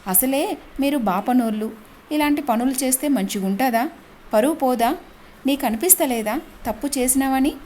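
A woman voicing a kindly middle-aged village housewife, speaking softly and coaxingly. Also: high-pitched, moderate pace, a little hiss or hum, natural voice. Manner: soft, coaxing.

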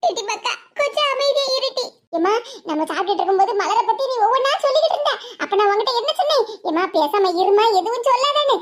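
A spoiled young cartoon daughter, voiced by a performer, whines indignantly in a Tirunelveli Tamil accent. Her voice is piercingly high, and her complaints come in rapid bursts. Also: animated, a crowd in the background. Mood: whiny.

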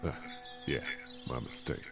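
An actor playing a steady middle-aged survivor who used to be a professor, speaking in a calm, measured, gentle way. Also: male voice, music in the background, natural voice.

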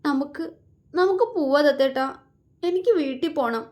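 A woman voicing a tearful young woman who clings to her beloved, speaking in a halting, sobbing voice. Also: sits high, sing-song, a little mellow, voice pushed up. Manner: sobbing, halting, repeating words.

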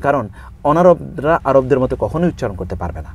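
A man speaking as a religious scholar in an interview, explaining scripture in steady listed points, reciting verses in Arabic and dropping in English words. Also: mid-range voice, a little fast, husky. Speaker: Islamic scholar guest.

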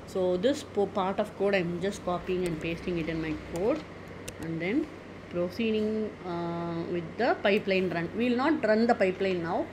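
A woman narrating a screen-recorded software tutorial, methodical and step-by-step, with frequent "okay" and "uh" fillers. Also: on the low side, normal speed. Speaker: tech tutorial presenter. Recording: noticeable background noise.

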